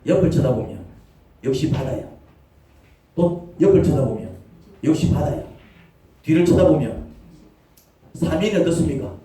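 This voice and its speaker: Animated preaching man, echoey hall. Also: on the high side, normal speed, pauses often, distant mic. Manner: animated preaching, swinging from loud cries to near whispers. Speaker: pastor. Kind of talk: sermon. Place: church sanctuary.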